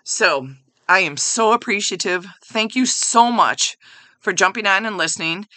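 A middle-aged woman hosting a motivational self-help podcast, talking in a blunt, chatty and animated way with mild swearing. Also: medium pitch, unhurried, no echo. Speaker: podcast host.

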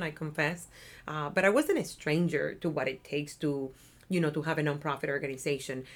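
In an office, a woman with a low-sitting voice chats casually as an interview guest about her nonprofit community development work. She's in her thirties, from Cuba, and speaks with a Cuban Spanish accent. Her manner is talkative and upbeat, with frequent "right?" tags.

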